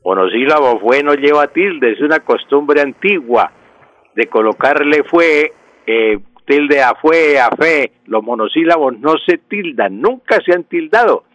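A man who explains spelling rules on a radio call-in show, calm and repetitive, going back over his key points. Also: a little high, a little slow, no echo. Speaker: language expert on a radio show. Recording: dry, dull radio broadcast sound.

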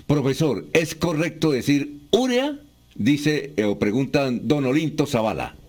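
Chatty radio host. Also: male voice, mid-range voice, unhurried, a little mellow. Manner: chatty, exclamatory. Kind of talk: casual radio talk.

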